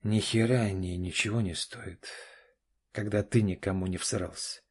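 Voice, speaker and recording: A man voicing a tired, tipsy middle-aged man with a gruff, confessional way of talking. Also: on the low side, fairly even intonation, moderate pace. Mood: gruff, weary. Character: weary drunk man, middle-aged, lovesick.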